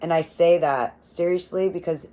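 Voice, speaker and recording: A young adult woman giving a casual tarot reading, swearing freely, laughing often and rambling in an animated way. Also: fairly low pitch, normal speed. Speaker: tarot reader.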